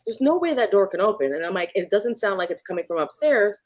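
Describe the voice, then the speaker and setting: Speaking quickly, a woman on a podcast shares a ghost story from her own life in a casual chat. She is lively, acting out moments with sudden pitch jumps, and there is no room sound.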